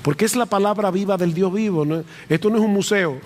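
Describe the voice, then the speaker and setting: A man's voice: high-pitched, moderate pace, a little mellow. A middle-aged male pastor preaching a sermon, emphatic and repeating key phrases for stress. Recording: long reverb of a large hall.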